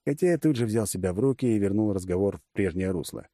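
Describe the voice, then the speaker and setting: A man's voice: fairly low pitch, animated, quick pace, dark tone, no echo, clean studio sound. A man narrating a first-person audiobook in a wry, ironic manner.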